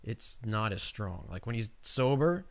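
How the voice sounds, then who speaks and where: A man's voice: fairly low pitch, big pitch swings, unhurried. A man co-hosting a podcast in a casual, profane and talkative way. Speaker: podcast co-host. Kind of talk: casual chat.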